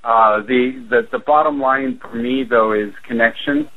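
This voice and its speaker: A man in his forties, a keyboardist, speaking slowly and reflectively as a radio interview guest. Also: medium pitch, creaky. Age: 40s. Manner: slow, halting, reflective. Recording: tinny phone line.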